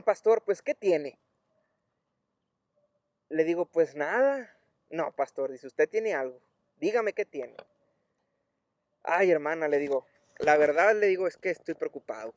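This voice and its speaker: A pastor preaching a sermon, telling a personal story and acting out the voices in it with feeling. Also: male voice, high voice, a little mellow, dry recording. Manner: acts out quoted voices, emotional storytelling.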